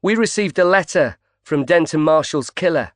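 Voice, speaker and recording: A man voicing a sharp, pushy woman tabloid reporter in an audiobook reading. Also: a little high, a little slow, dry recording, clean studio sound, voice pushed up, natural voice. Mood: pressing.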